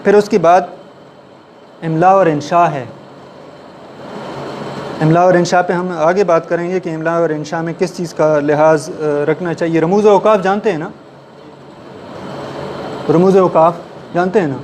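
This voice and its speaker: Male writing teacher, higher voice, quizzing the class, faint hum behind. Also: steady tone, pauses often, darkish tone. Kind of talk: classroom lecture. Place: classroom with a board.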